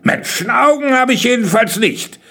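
A man's voice: medium pitch, huge pitch swings, gravelly, fairly bright tone, slightly rough, heavily acted. A man voicing a tiny, impatient gnome king from underground who grumbles and scolds. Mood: impatient grumbling. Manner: grumbling, scolding, quick to complain.

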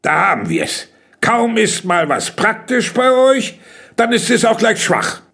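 A man's voice: medium pitch, huge pitch swings, vocal fry, a bit bright, slightly rough, full character voice. A man voicing a tiny, impatient gnome king from underground who grumbles and scolds. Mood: grumpy. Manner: grumbling, scolding, quick to complain.

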